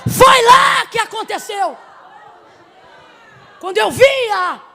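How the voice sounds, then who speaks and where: A woman from Brazil preaches to a church congregation in a very high, gravelly voice. She tells her story with drama and rises into shouted, fervent exhortation. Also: expressive, takes it slowly, some chatter behind. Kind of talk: emotional sermon.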